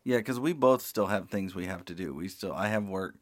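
A middle-aged man hosting a casual podcast, his voice a bit low and recorded dry and close. He rambles in a relaxed way, full of uhs and ums. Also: fairly quick, dry recording. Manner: relaxed, rambling, lots of filler words. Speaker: podcast host.

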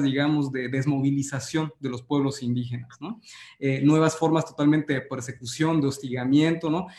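A man hosting an interview, his voice fairly high for a man and ringing in a roomy, echoey space. He gropes for words and restarts as he frames a long question. He pads his speech with fillers. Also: darkish tone. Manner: hesitant, searching for words, many fillers. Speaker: co-host. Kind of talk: conversational interview.

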